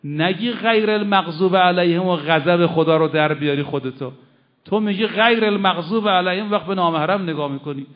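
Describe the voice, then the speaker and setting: A male preacher giving an impassioned sermon, telling a story and swinging between loud declaiming, low asides and slow, solemn recitation of Arabic phrases. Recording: muffled lo-fi recording.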